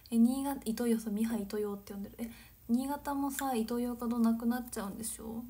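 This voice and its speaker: A woman in her twenties from Nagano, chatting casually on a livestream, giggling and drifting into soft whispered asides. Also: on the high side, steady tone, fast talker. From Nagano, Japan. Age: 20s. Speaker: livestream host. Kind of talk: casual chat reading viewer comments.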